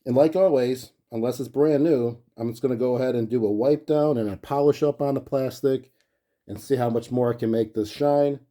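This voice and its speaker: A man's voice: medium pitch, moderate pace, dark tone. A man talking casually and thinking aloud as he presents a hands-on look at a gadget, in an easygoing, unscripted way. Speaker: collector presenting a gadget review.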